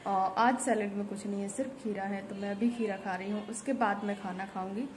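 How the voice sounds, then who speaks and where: A woman's voice: medium pitch, fairly quick, rough recording. A woman chatting to the camera in a casual daily vlog at home, rambling along with frequent fillers. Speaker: vlogger. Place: indoors at home. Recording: steady background noise in a home.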